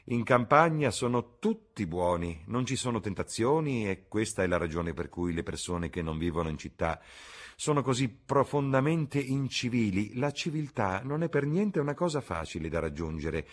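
A man reading a witty, cynical aristocratic gentleman in an audiobook, drawing out his ironic lines. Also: fairly low pitch, animated, voice pushed up. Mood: amused, teasing. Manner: languid, ironic, drawn-out delivery.

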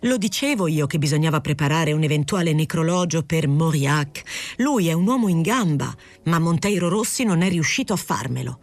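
A woman's voice: low voice, lively intonation, normal speed. A woman voicing a hesitant, confused male journalist. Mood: eager. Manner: apologetic, self-justifying.

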